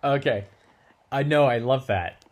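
A man's voice: mid-range voice, measured pace. A man chatting casually and giggling over a video call. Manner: giggly, animated. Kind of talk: casual chat.

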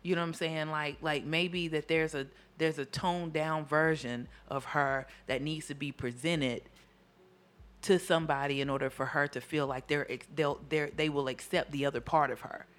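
A man's voice: a little high, fairly even intonation, normal speed, fairly bright tone, clear, resonant tone. A man, hosting a casual conversation.

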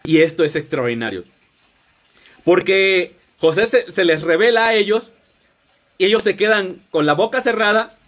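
Higher-voiced man teaching a Bible story. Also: moderate pace, a bit bright. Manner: conversational, many restarts and "o sea" rephrasings. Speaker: preacher.

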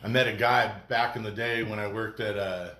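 A man's voice: fairly low pitch, steady tone, normal speed, bright, forceful tone, echoey room. A man hosting a podcast, chatting and telling stories in a casual, profane way. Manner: profane, easygoing. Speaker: podcast host. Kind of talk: casual chat.

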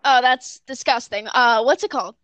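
Bright, high-voiced woman, dry close sound. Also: dry recording. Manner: opinionated, quick asides. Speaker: friend in group call. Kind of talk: casual chat. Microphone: online voice call.

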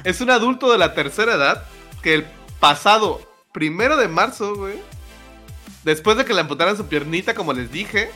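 A man's voice: high voice, animated, normal speed, bright, forceful tone. A Mexican man co-hosting a podcast, retelling a grim news story in slangy, laughing casual chat, with faint music underneath. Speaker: podcast co-host.

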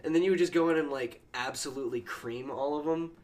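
A man's voice: on the high side, quick pace, darkish tone. A man co-hosting a podcast, chatting casually with loose, crude, joking banter. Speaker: podcast co-host. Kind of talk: casual chat.

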